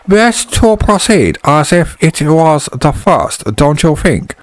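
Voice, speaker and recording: An eccentric, self-important noble lady who is muddled about time, as a man puts her on. She speaks in a high, airy falsetto with a put-on foreign accent and slow, halting phrasing. The recording is dry and close. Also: huge pitch swings, dry recording, exaggerated voice. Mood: airy, puzzled. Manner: slow, halting, theatrical delivery. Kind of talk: reading game dialogue aloud.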